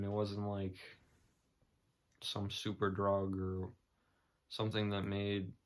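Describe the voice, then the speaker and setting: A young man talking casually in an unscripted vlog, hesitant and matter-of-fact as he shares his experience. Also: on the low side. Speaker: vlogger sharing personal recovery experience.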